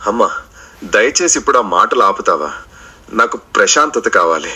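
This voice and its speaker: Brief: man voicing emotional young son in a family audio drama, lively husky voice. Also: lowish voice, moderate pace, exaggerated voice. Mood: weary. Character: young married son torn between mother and wife.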